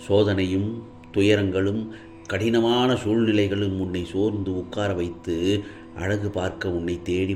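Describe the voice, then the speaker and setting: A man voicing a slow, deep-voiced gentle saint. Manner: slow, gentle, soothing reassurance. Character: elderly male saint comforting a devotee, tender. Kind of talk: devotional monologue. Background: faint music.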